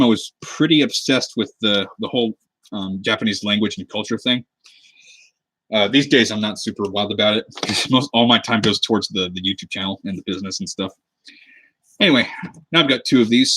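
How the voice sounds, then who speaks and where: A young man in his twenties from the US Pacific Northwest talks in a fairly low voice, rambling easily as he works on a prop at his desk. The sound is close and dry, with no room echo, captured by a simple webcam microphone. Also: sharp tone, breathy edge. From United States (Pacific Northwest). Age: 20s. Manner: rambling and easygoing, talking while working with his hands. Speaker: cosplay prop maker streaming live. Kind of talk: casual livestream chat while crafting. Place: indoors at a desk at home under a lamp. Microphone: webcam mic.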